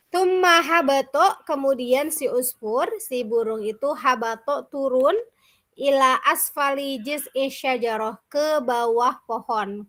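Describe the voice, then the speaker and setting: Slow, bright-voiced woman teacher. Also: on the high side. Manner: explains slowly, corrects herself. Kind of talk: reading a story aloud in a lesson.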